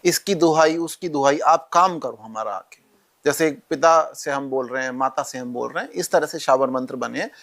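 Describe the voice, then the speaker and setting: A man's voice: mid-range voice, normal speed, creaky, fairly bright tone. A male astrologer guest in a podcast interview, instructively listing remedies step by step.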